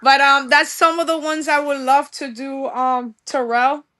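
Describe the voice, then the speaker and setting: Her voice sits high, bright and forceful, yet level in tone and measured in pace. She's a young guest musician from New York, with an accent to match, gushing in a casual podcast interview and peppering it with street slang.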